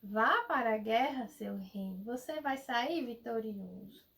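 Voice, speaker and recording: A woman's voice: a little high, sing-song, slow pace, fairly bright tone, heavily acted. A woman voicing a fearless male prophet who speaks firmly, in a children's Bible story. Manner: firm, mocking at times.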